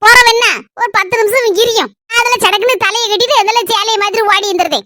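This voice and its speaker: A harried housewife, played by a woman, pours out long grumbling rants in a Kanyakumari Tamil accent. Her voice sits very high and bright, and she talks at a quick clip in a dry, close recording. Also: fairly even intonation, dry recording. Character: harried housewife and mother, complaining. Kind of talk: family comedy skit.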